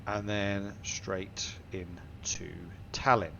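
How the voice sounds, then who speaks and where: A flight sim tutorial host with a low, gravelly voice and a cold-blocked nose goes through the cockpit setup very slowly, calmly reading aloud each number and setting. The highs are cut off, and a steady hum of simulator engine and cabin noise sits clearly behind his voice.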